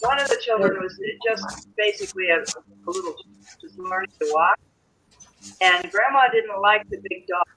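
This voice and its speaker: A woman who works at a rescue shelter, chatting over a remote link, with halting, restarting phrases and choppy audio that keeps cutting in and out. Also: mid-range voice, sharp tone, slight background noise. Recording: dull lo-fi remote call audio.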